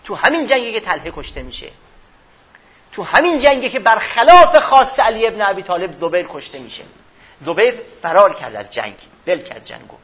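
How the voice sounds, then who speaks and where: A man giving a religious history lesson, retelling events dramatically and swinging from loud passages to hushed ones, with a husky voice. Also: a little high, dull audio. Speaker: religious teacher.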